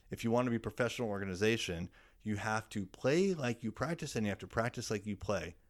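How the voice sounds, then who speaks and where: A man giving a solo business talk as a podcast host, explaining in a coaching style with emphatic repetition of key words. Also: lowish voice.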